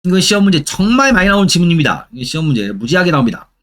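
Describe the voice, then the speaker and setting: A man's voice: on the high side, sing-song, very fast, fairly bright tone. A middle-aged man lecturing for exam preparation, constantly asking rhetorical questions and repeating key terms for emphasis. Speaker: history lecturer.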